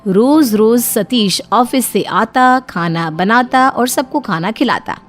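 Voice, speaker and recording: Brief: woman narrator for a cartoon story, fairly high voice, faint music underneath. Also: takes it slowly.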